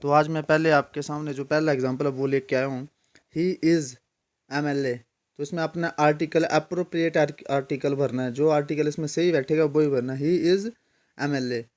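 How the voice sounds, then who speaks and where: A man's voice: a little high, fairly even intonation, moderate pace. A man giving a casual spoken grammar lesson, mixing in English terms and repeating his own questions before answering them.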